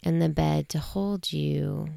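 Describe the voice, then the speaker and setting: A woman guiding a sleep meditation in a slow, soothing, hushed way. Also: deep voice, fairly even intonation, creaky, no room sound, clean studio sound. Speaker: meditation guide.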